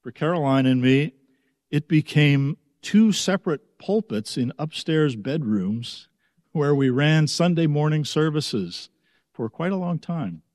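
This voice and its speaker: A pastor preaching a sermon, from the United States, with a slow, measured, reflective delivery. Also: male voice, a little high, lively intonation, darkish tone, no room sound, studio quality, big-room sound.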